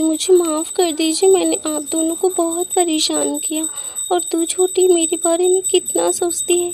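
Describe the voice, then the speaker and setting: A woman's voice: high-pitched, mellow. A woman voicing a lazy, complaining young daughter-in-law in a cartoon story. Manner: whiny, complaining.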